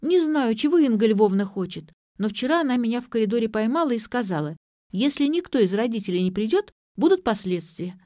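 Shrill, pleading young schoolgirl voiced by a woman reading a storybook, mellow tone. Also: animated, brisk, no room sound, studio quality, close to an everyday voice. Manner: pleading, high and agitated. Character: whiny excitable young girl, schoolgirl.

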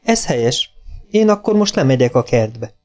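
A man's voice: mid-range voice, sing-song, soft background music, close to an everyday voice. A man reading aloud voices a frank, direct young woman posing as an archduchess. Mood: bossy. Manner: frank and direct, stammers when flustered.

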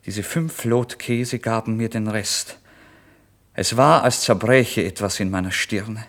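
In a radio play, an actor delivers a dramatic literary monologue as a starving, desperate young male writer who is feverish and self-deceiving. His lowish voice has a steady tone and slow pace, sounding brooding and confused, while his theatrical, volatile delivery swings from hushed tones to loud outbursts.

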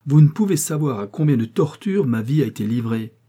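A man's voice: mid-range voice, animated, brisk, warm tone, slightly rough, pitched above the performer's own voice. A man putting on a plaintive scheming young heiress. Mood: indignant. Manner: plaintive, melodramatic. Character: scheming young orphaned heiress, self-pitying.

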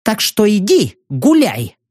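A man voicing a panicky, cowardly fat journalist in an audiobook, stammering and squealing in a high, strained voice. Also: huge pitch swings, takes it slowly, a little mellow, dry recording, clean studio sound, exaggerated voice. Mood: angry. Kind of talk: audiobook narration.

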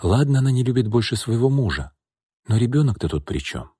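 A man voicing a calm, gentle young woman who works as a nanny in an audiobook. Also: mid-range voice, brisk, breathy edge, no echo, studio quality, voice pushed up. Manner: calm, mild, reasonable.

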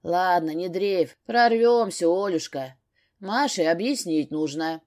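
A woman voicing a blunt middle-aged father who speaks low and grumbles in an audiobook. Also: lively intonation, takes it slowly, darkish tone. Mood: gruff.

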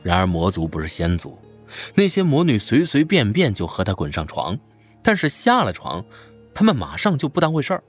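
A man narrating a fantasy web novel in an expressive storytelling style. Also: on the low side, fairly quick, faint music behind. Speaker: audiobook narrator.

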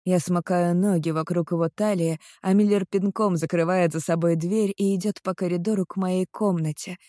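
An audiobook narrator reading a first-person story in an expressive way and acting out heated dialogue. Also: mid-range voice, moderate pace, no echo, studio quality.

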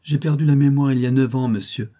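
A man reading the part of an elderly, forgetful mother who speaks gently and plaintively, higher than his narrating voice. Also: fairly even intonation, fast talker, lightly acted.

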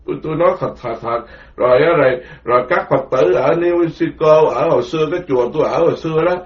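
A man, a Buddhist monk, giving a rambling, animated dharma talk full of stories. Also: fairly high pitch, fast talker. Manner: rambling, animated storytelling with quoted voices. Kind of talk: informal spoken sermon. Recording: dull lo-fi recording.

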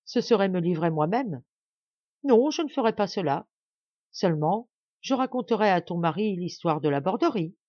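A woman reading a novel aloud, voicing a bitter, scheming older aunt who talks slowly and threateningly. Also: on the low side, lively intonation, dark tone, dry recording, lo-fi sound. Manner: slow, menacing, resentful.

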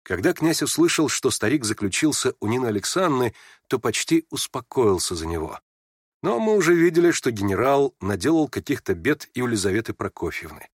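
A man's voice: medium pitch, sing-song, brisk, slightly rough, no echo. Man narrating in a dry close voice. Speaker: audiobook narrator. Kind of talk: scripted narration of a classic novel.

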